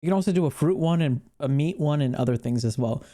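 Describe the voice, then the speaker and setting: An animated streamer with a dark-toned, medium-pitched voice talks fast in casual livestream chat. Rambling and laughing a lot, he swears freely as he talks to viewers and reacts on screen.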